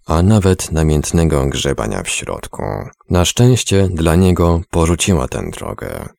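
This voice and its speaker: A male storyteller reads in a deep, gravelly voice with a lively rise and fall. He sounds close to the mic in a dry space. The pace is measured and expressive. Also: no room sound. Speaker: narrator. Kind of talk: storybook narration.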